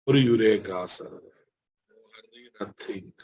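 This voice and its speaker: A man with a Telugu Indian accent giving an informal technical lecture as a software instructor, repeating phrases and often checking with tag questions that listeners follow. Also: lowish voice, takes it slowly, breathy edge.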